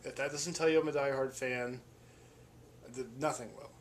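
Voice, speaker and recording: A man's voice: medium pitch, fairly even intonation, normal speed, slight background noise. A man who vlogs and plays music tells a story in a casual, rambling, enthusiastic way, restarting his sentences often. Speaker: vlogger and musician.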